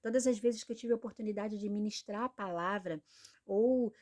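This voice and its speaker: Speaking at a normal pace with a mellow, medium-pitched voice, a young Brazilian Portuguese-accented woman delivers a sermon. She's earnest and conversational, often checking in with the audience through tag questions.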